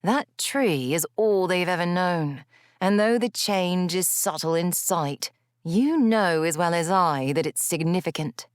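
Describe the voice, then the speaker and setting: Gravelly skeptical witch, voiced by a woman; blunt, low, dry and close. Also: a little slow, no room sound, lightly acted.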